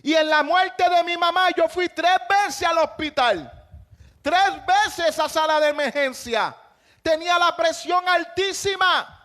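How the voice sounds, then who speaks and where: High-voiced impassioned male pastor preaching. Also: unhurried. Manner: impassioned preaching with shouted emphases. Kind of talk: sermon.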